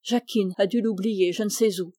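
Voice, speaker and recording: Une femme lit à voix feutrée les répliques d'un jeune homme amoureux, sincère et tendre, dans un livre audio. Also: female voice, mid-range voice, steady tone, moderate pace, mellow, no room sound, studio quality, natural voice. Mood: earnest. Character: young man in love, earnest and tender. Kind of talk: audiobook dialogue reading.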